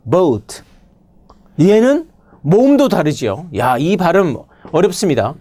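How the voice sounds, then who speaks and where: A man's voice: sits high, darkish tone, no echo. A middle-aged man lecturing on English vocabulary, scolding students with rhetorical questions and prodding "huh?" tags. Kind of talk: recorded classroom lecture.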